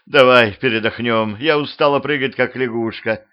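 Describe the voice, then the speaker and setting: Guy doing a high pushy vampire girl voice, keeps nagging, muffled audiobook. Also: normal speed, close to an everyday voice. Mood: whiny. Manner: pestering, insistent. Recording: dull lo-fi home recording.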